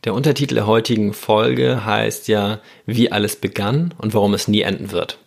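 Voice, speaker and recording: Gravelly-voiced man coaching listeners. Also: fairly low pitch, moderate pace. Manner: earnest, coaching listener directly. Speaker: podcast host. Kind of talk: motivational self-help podcast talk.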